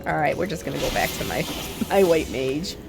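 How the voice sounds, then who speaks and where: Woman game streamer, casual commentary, congested from a cold, blunt and grumbling, animated pitch, faint music behind. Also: fairly quick, creaky. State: sick with chest congestion.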